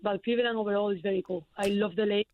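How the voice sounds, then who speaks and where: Over a tinny phone line with slight background noise, a young adult Spanish woman talks very fast in a steady, mid-range voice. She has a Spanish accent and, as a college basketball player on a phone-in radio interview, answers hesitantly with lots of fillers.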